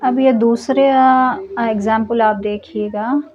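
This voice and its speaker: Slow, patient woman teaching recitation. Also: on the high side, steady tone, muffled recording. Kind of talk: online tajweed class explanation.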